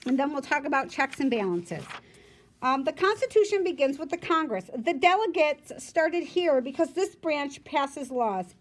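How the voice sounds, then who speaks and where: A woman teacher reading a textbook aloud to her class and explaining it in plain, simple words as she goes. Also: sits high. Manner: explanatory, breaks down points for students in plain words. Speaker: school teacher.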